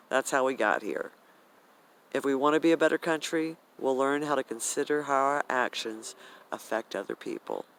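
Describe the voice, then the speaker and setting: Older American male, medium pitch. Blunt, emphatic outdoor vlogger with drawn-out pauses, faint wind noise behind. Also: creaky, a bit bright, poor audio. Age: 60s or older. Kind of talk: rambling personal vlog talk. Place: outdoors in a garden swing in the wind. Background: wind and outdoor ambience.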